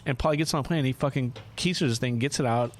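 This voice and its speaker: A man's voice: mid-range voice, rapid-fire. A man telling a rowdy, profane travel story in casual podcast chat, laughing as he goes.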